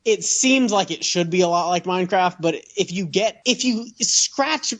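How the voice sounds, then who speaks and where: A young man with a slightly high voice talks through a casual podcast conversation. He rants and swears freely, pushing his points with emphatic bursts. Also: animated, moderate pace, fairly bright tone. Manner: profane, ranting, emphatic. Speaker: podcast co-host. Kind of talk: casual chat.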